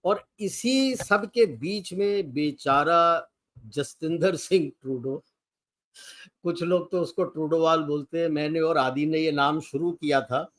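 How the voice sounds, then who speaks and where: A man talks through current affairs in an unhurried, deliberate way. His voice sits a little high for a man, and he moves between Hindi and English as he talks. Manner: slow, deliberate Hindi-English code-switching. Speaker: political commentator. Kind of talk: conversational political commentary.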